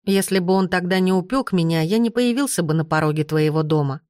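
A woman's voice: lowish voice, a little fast, a little mellow, no echo, clean studio sound, close to an everyday voice. A woman voicing a teasing young male ex-thief in an audiobook, speaking in light, mocking banter. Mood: earnest.

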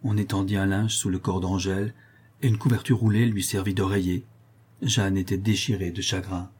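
Male audiobook narrator, measured, deep dark husky voice. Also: level tone. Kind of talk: scripted narration of a historical novel.

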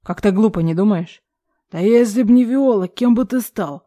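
A woman voicing a domineering middle-aged father, a tycoon who shouts and threatens. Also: medium pitch, moderate pace, natural voice. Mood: indignant.

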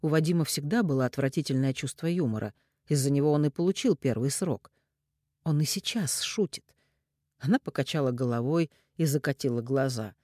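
A man narrating a crime story in expressive, scripted storytelling. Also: medium pitch, brisk, no echo, studio quality. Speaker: audiobook narrator.

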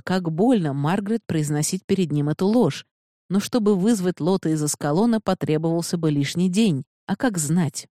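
A woman narrating an audiobook in a measured, even reading voice. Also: deep voice, dry recording, studio quality. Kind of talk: scripted narration.

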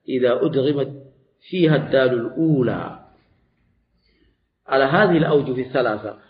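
A man teaching a grammar lesson, explaining slowly and repeating words as he works through each point. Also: a little high. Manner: slow, repeats and restarts words while explaining. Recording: dull lo-fi audio recording.

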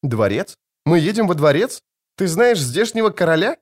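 A man reading an audiobook puts on a spirited teenage girl, pitched well above his own voice. She is pert and teasing, with a lively, bouncing voice. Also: moderate pace. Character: Ciri, spirited teenage girl, sharp-tongued.

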